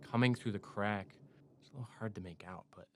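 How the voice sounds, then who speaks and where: A man's voice: lowish voice, fast, slight background noise. A man narrating a tabletop game as game master in a descriptive, conversational way.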